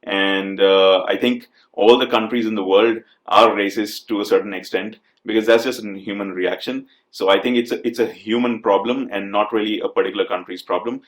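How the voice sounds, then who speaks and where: Low-voiced man from India, thoughtful. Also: steady tone, fairly quick, few pauses, reverberant. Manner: thoughtful, many "uh" fillers and repetitions. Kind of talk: conversational interview.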